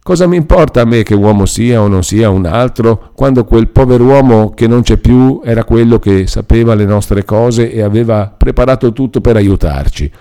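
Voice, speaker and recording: A man's voice: low voice, sing-song, measured pace, dark tone. A man reading aloud and voicing a distressed middle-aged peasant mother who pleads anxiously, close to tears. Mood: pleading.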